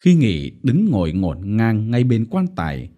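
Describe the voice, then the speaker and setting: A man narrating a short story as an audiobook in a measured storytelling manner. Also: fairly low pitch, wildly swooping pitch, mellow.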